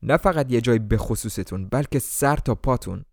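A man voicing a tired, blunt waitress who talks in a weary, sharp-tongued way. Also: lowish voice, gravelly, no room sound, studio quality. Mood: indignant.

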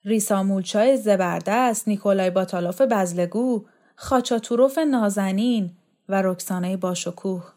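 A woman's voice: medium pitch, mellow, lightly acted. A woman voicing a scornful older man. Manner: scornful, boastful. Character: proud older man, former theatre insider.

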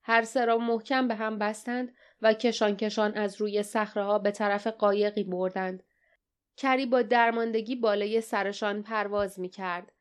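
A woman narrating an adventure audiobook with steady, measured storytelling. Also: medium pitch, smooth. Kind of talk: scripted narration.

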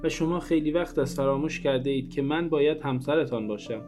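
A man voicing a languid young wife who speaks softly and wearily, with a reproachful edge, over faint guitar music. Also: fairly high pitch, close to an everyday voice. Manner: soft and weary.

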